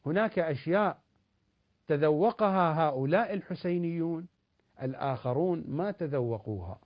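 A man giving a religious lecture in a measured, emphatic delivery with rising and falling stresses. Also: on the high side, animated, dull audio.

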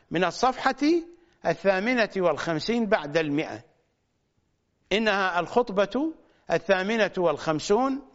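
Emphatic high-voiced male preacher. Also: fairly bright tone. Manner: emphatic, repeating phrases with rising stress; slow, drawn-out words for emphasis. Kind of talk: religious sermon. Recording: dull lo-fi recording.

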